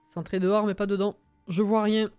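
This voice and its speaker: A woman's voice: medium pitch, flat delivery, normal speed, darkish tone, clear, resonant tone, dry recording, soft background music. A young woman chatting casually on a live stream while building in a game, reading chat aloud, swearing and laughing often.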